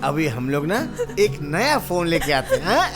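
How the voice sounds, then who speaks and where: A man's voice: on the high side, big pitch swings, measured pace, loud music behind the voice. An actor playing a volatile, embittered middle-aged father in a dubbed film, swinging between scolding and coaxing. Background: film score.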